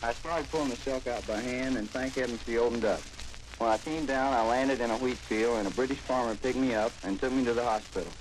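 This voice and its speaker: A man's voice: medium pitch, steady tone, a little fast. A young man in his twenties plainly recounting his escape in a wartime radio interview, heard on old worn tape. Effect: old worn archival tape. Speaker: wounded airman being interviewed. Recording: hissy old 1940s tape recording.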